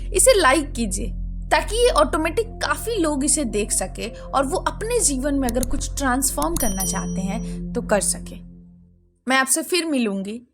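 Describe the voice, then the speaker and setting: Brief: female host, earnest explainer voice-over, lively higher pitch, clear music bed behind. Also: normal speed. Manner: earnest, addresses the viewer directly. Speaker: channel host explaining a mantra. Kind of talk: narrated explainer in Hindi with English words.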